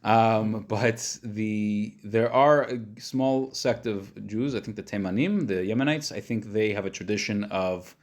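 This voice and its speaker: A man giving an informal lesson as a rabbi, explaining in plain, casual words and often pausing to search for the next one. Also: fairly low pitch. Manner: hesitant, searching for words, thinking aloud; casual, plain-spoken, simplifying. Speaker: rabbi teaching a class.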